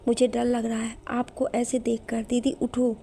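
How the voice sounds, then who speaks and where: A woman's voice: a little high, completely flat delivery, measured pace, creaky, dark tone, slight background noise. Cheeky little sister, voiced by a woman. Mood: frightened. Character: teenage younger sister, cheeky and tender.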